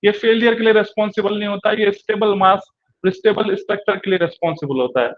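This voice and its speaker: A male lecturer giving a classroom lecture, repeating key terms slowly and asking and answering his own questions. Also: sits high. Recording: dull lo-fi recording.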